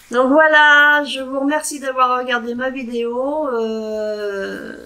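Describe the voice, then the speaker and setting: Woman, crafting vlogger, higher-pitched, slow and halting, chatty with fillers. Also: steady tone, bright, forceful tone, rough recording. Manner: unhurried and hesitant, sounding out foreign words slowly; chatty with frequent fillers and self-corrections. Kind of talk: casual show-and-tell craft chat.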